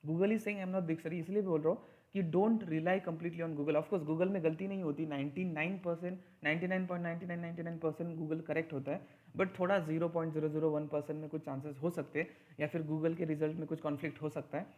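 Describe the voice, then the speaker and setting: A man teaching an English grammar lesson in Hindi mixed with English, slowing down to stress key points. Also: fairly high pitch, fairly even intonation, a little mellow.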